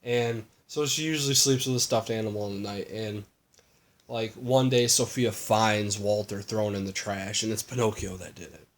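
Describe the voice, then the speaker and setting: A man's voice: fairly low pitch, moderate pace. A man co-hosting a loose, chatty movie recap. He rambles, leans on fillers and throws in crude jokes as he goes. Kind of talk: casual chat.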